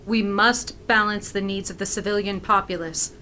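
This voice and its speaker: A woman's voice: mid-range voice, steady tone, moderate pace, pushed and bright, a little hiss or hum, close to an everyday voice. A woman voicing an earnest female station commander in a video game, giving a military briefing.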